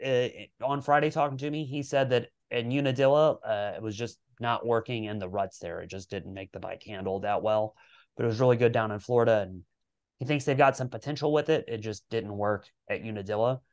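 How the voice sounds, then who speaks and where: Guy cohosting a podcast, easygoing, rambles on, mid pitch. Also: a little fast. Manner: relaxed, swears casually, talks in long runs. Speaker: podcast co-host. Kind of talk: casual podcast chat.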